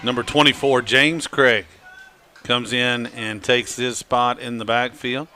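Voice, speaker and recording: Bright-voiced radio football announcer man. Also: mid-range voice, steady tone, measured pace. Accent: American. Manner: rises and gets loud on big plays. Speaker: play-by-play announcer. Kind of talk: radio sports commentary. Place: high school football stadium broadcast booth.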